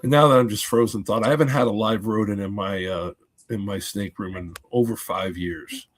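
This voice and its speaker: A man's voice: on the low side, moderate pace. A man in his forties in casual podcast chat over a video call, enthusiastic and talkative. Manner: animated, enthusiastic about snake genetics.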